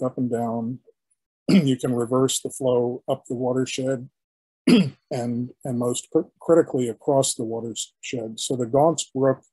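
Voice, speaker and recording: Older guy giving a history talk, mellow slightly husky voice, stops and restarts a lot. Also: medium pitch, no room sound, rough recording. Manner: halting, explanatory, with frequent restarts. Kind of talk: illustrated lecture to an audience.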